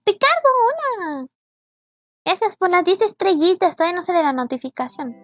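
A woman's voice: very high-pitched, quick pace, a bit bright, no echo, studio quality, faint music behind. A young woman, chatting playfully on a live gaming stream, teasing and mock-exasperated as she thanks viewers by name. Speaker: VTuber streamer.

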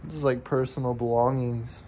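Man, explorer vlogger, flat steady delivery, faint room noise, phone mic. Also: moderate pace, low-quality recording. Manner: curious, low-key, muttering asides. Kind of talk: handheld exploration commentary. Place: abandoned farmhouse and yard, indoors and out. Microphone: handheld phone camera.

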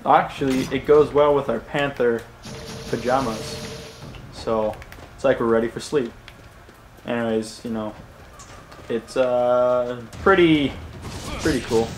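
A let's play host gives casual gameplay commentary, rambling, joking, and correcting himself as he goes, in a medium-pitched voice. Game music and sounds play behind him along with background noise.

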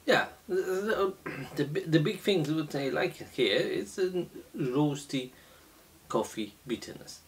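Slow, halting man reviewing beer. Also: a little high, lively intonation. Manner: slow, halting, many fillers and restarts. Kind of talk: casual beer tasting review. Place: small indoor room, seated at a table.

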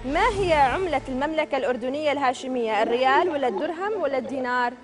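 A woman hosts a TV quiz in a studio, her voice pitched high. She fires off questions and answer choices at a quick clip, upbeat and crisp, with music playing behind her. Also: animated. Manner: brisk, upbeat, reads questions and options crisply. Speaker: quiz show host. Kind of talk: TV game show hosting. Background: show music.

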